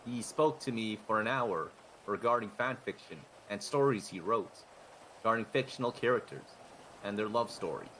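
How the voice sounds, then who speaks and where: A man doing an oddly mechanical adult man, speaking in stiff, formal phrases with a low, level voice. He delivers every line like a machine reading out a status report, in game role-play. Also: moderate pace, fairly bright tone, a little hiss or hum, natural voice, rough recording. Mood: stiff robotic.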